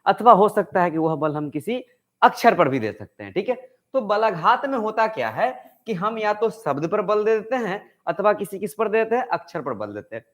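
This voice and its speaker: A man's voice: high voice, sing-song, normal speed, a bit bright. A man teaching an online grammar lesson, asking questions and answering them himself. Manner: acts out example sentences with stress.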